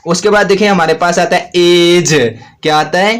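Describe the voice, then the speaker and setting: A man's voice: high voice, fairly even intonation, normal speed. A man teaching a shorthand lesson, patiently explaining each rule, asking his own questions and answering them right away. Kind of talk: classroom-style lesson.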